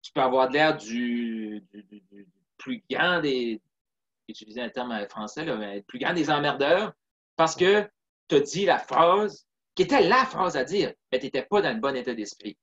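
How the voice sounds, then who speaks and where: A man's voice: medium pitch, lively intonation, moderate pace, fairly bright tone. A man with a Québécois French accent, speaking reflectively and earnestly as an interview guest, often saying "tu sais" and "puis". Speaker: interview guest, sales closer. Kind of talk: casual interview talk. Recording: slightly dull lo-fi sound.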